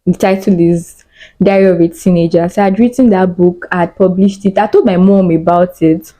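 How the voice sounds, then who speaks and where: Mellow-voiced young Nigerian woman. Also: on the low side, fairly even intonation, normal speed, rough recording. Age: 20s. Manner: candid, emotional, repeats phrases for emphasis. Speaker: podcast guest. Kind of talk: casual storytelling chat.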